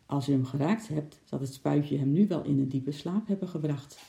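A gruff old uncle grumbles and calls out, as a male reader plays him. His voice is gravelly and dark, pitched up above the narration, in a roomy space. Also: normal speed. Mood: urgent. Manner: grumbling, then excited. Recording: roomy echo.

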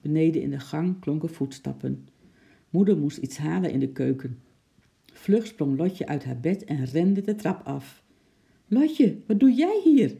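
A children's story read aloud in a calm, unhurried voice. The tone is deep-toned and mellow, with a gravelly roughness and a mid pitch. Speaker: storybook narrator.

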